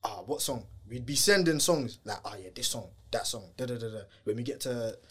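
A young man with a London roadman accent chats casually, telling stories as they come to him. His delivery is loose and slangy, peppered with street filler words, at a middling pitch. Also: brisk, fairly bright tone, husky. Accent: London, urban roadman slang style. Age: young adult. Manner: slangy roadman delivery with frequent "innit", "bro" and "fam". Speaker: guest, dancer. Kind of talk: casual chat, storytelling.

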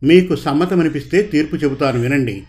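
A man voicing a calm, wise male judge who speaks in an unhurried, measured way. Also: fairly high pitch, close to an everyday voice.

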